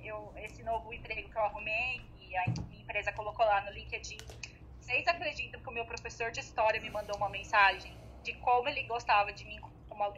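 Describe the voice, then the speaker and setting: A woman with a fairly high voice comes through a phone line, the sound dull and narrow with a faint hiss underneath. She chats casually as a medical student guest. Her speech is halting and full of fillers, broken up by quick laughs. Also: a bit bright. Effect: heard over a phone line. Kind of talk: casual group chat on a call.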